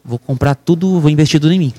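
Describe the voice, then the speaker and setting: A man's voice: a little high, fast, dark tone. Fervent São man telling his story. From Brazil. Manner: intense, fervent, calls listener "irmão". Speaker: real estate broker, podcast guest. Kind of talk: emotional personal storytelling.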